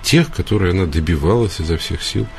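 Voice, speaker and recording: A man's voice: low voice, fairly quick, vocal fry, darkish tone, faint music behind. A man hosting a radio call-in show, lecturing earnestly and emphatically, with hesitations. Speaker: radio host, psychologist.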